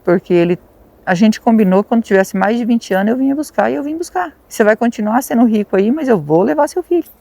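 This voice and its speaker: A woman's voice: a little high, animated, fast, creaky, dark tone, no echo. A woman voicing a menacing male devil who insists on collecting a debt, in a plain, blunt way. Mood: insistent.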